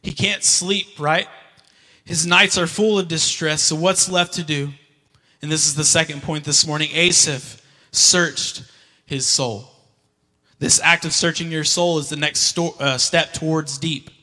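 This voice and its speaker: A man preaching a sermon as pastor, earnest, swelling to near shouts for scripture and dropping low and quiet for emphasis. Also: steady tone, a little slow. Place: church. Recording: long reverb of a church hall.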